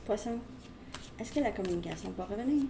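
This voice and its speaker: A woman's voice: mid-range voice, expressive, fairly quick, noisy background. A woman giving a casual tarot reading, rambling as she talks straight to the viewer. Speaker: tarot reader.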